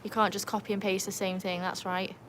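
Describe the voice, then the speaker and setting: An English woman hosts a relaxed outdoor livestream beside a pool, chatting freely, laughing often, and reading out comments. Her voice sits at a mid pitch for a woman and moves fairly quickly, with a faint outdoor hum underneath.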